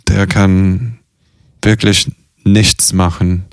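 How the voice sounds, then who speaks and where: Slow, hesitant, low-voiced man. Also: flat delivery, dry recording, studio quality. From half Italian. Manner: slow, hesitant, many fillers and restarts. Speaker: interviewee, circus artist and carer. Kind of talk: casual personal interview.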